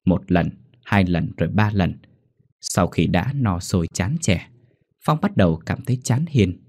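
A man narrating a folk horror story in a steady, measured reading. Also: low voice.

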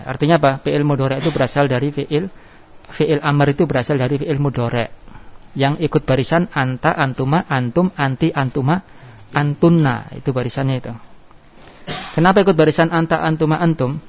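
A man's voice: a little high, fairly even intonation, a little fast. A male teacher giving a grammar lesson, explaining step by step and asking his class questions that he then answers himself. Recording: dull lo-fi classroom recording.

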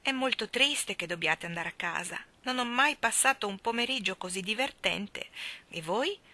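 A woman reading aloud and voicing a jolly old man who talks in booming, drawn-out, laughing tones. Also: animated, sharp tone. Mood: wistful.

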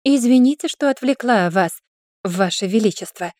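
Prickly young woman, curt, defiant, biting, mellow dark voice, read by a woman narrator. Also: mid-range voice, expressive, moderate pace, no echo, studio quality, close to an everyday voice.

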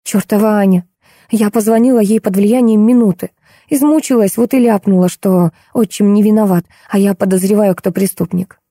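A woman's voice: medium pitch, fairly even intonation, normal speed, warm tone, dry recording, studio quality, lightly acted. A woman reading the part of a timid, anxious young woman who pleads and frets, in an audiobook. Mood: agitated. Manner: fretful, pleading. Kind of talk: audiobook character voice.

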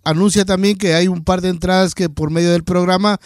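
A man hosting a radio interview, encouraging and halting with many fillers. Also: sits high, fairly even intonation, no room sound, clean studio sound. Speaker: radio show host. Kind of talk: casual interview chat.

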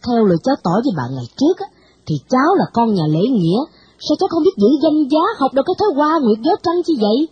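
A woman's voice: on the high side, lively intonation, quick pace, slightly rough, lo-fi sound. A woman voicing a stern older woman who lectures and scolds an orphan girl. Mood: scolding. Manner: reproachful, lecturing.

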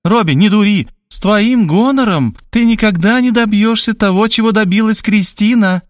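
A man's voice: high-pitched, normal speed, no room sound, studio quality, voice pushed up, natural voice. A male reader voicing a nagging mother who scolds her grown son in an insistent tone. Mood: scolding.

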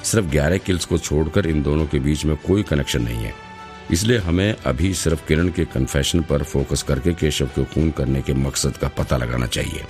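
Calm detective, soft and measured, very deep voice, a man reading it, faint music. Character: calm composed male detective.

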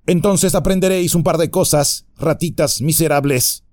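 A man's voice: on the high side, normal speed, a little mellow, no room sound, clean studio sound, voice pushed up, lightly acted. A man voicing a sneering brute of a bandit. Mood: threatening. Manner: menacing, mocking, threatening. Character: big sneering brutish human ruffian, grown man.

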